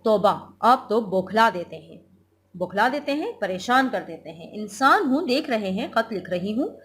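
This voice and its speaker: A woman teacher reading the lines of a flustered, snappish housewife from a play, sounding exasperated and hurried. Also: a little high, sing-song, a little mellow, slight background noise.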